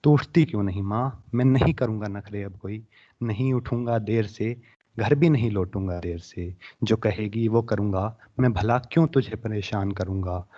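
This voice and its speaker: A young man reciting his own emotional poem at a student poetry competition, his voice swelling with feeling and then dropping to soft, hushed passages. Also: lowish voice. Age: young adult. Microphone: online webinar microphone. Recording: dull lo-fi webinar audio.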